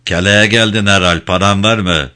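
A man voicing a gruff, cynical river ferryman in his forties who talks bluntly in a storybook reading. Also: deep voice, fairly even intonation, normal speed, bright, forceful tone. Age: 40s.

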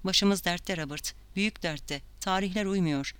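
A frightened young woman pressing hard with bad news, as an audiobook reader puts her on, insistent and tense. The voice is clear and smooth, recorded close and dry. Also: mid-range voice, measured pace, fairly bright tone, no echo, lightly acted. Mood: urgent.

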